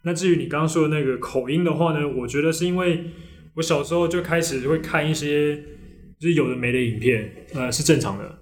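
Speaking briskly in a fairly high voice, this man hosts a casual podcast chat with a Taiwanese Mandarin accent. His stories come out hesitantly, broken by frequent restarts and fillers.

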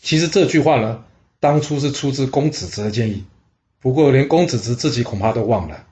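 A man's voice: medium pitch, expressive, brisk, warm tone. Chatty male storyteller, lo-fi sound. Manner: chatty, asides to the listener, exclaims "哇". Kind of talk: casual historical storytelling. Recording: dull lo-fi recording.

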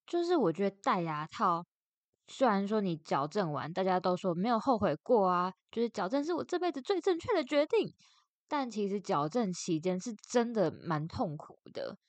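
A young adult woman with a Taiwanese accent hosts a casual solo chat, expressive and self-deprecating, her articulation slightly slurred from wearing braces. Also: medium pitch, moderate pace, no room sound. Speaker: podcast host.

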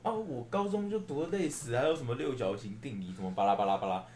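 A man's voice: mid-range voice, animated, fast talker, a little mellow. A young man in his late teens with a Taiwanese Mandarin accent, co-hosting a podcast in casual chat, teasing, swearing freely and laughing often. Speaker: podcast co-host. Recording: echoey room.

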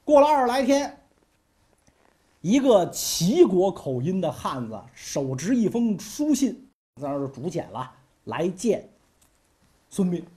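Male storyteller, mellow low tone, swings his pitch widely, chatty and informal. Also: sing-song, measured pace, pauses often. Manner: colloquial, chatty, keeps asking "right?". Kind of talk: casual history storytelling.

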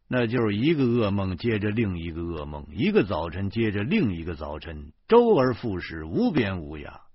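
A man narrating a novel in a drawling, wry, animated way. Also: fairly low pitch, husky, no room sound. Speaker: audiobook narrator. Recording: dull lo-fi dry sound.

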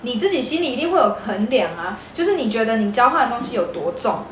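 A young woman, co-hosting a podcast in a teasing, lively manner. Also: on the high side, fast talker. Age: young adult. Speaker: podcast co-host. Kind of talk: casual chat. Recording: echoey room with faint noise.

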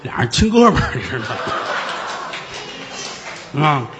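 A man telling a comic ghost story solo, with playful asides and acted-out shouts. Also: on the high side, very animated, unhurried, noisy background. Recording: reverberant room.

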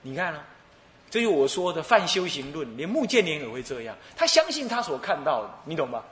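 Animated Taiwanese monk telling a story. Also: male voice, on the high side, a little fast, roomy sound, crowd noise. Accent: Taiwanese Mandarin. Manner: animated, playful, laughing storyteller. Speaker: abbot and dharma teacher. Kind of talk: storytelling sermon.

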